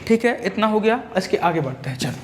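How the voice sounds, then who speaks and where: A man's voice: high-pitched, animated, fast talker, slight background noise. A male teacher giving a grammar lecture. He keeps asking the class questions and answering them himself, and he mixes English grammar terms into his explanation. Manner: repeats each point as a question and answers it himself.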